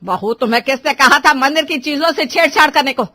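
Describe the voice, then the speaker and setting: A woman voicing a stern older mother-in-law in a cartoon who is quick to scold. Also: expressive, fairly bright tone, dry recording. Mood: angry. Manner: scolding, shrill when angry. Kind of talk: cartoon voice acting.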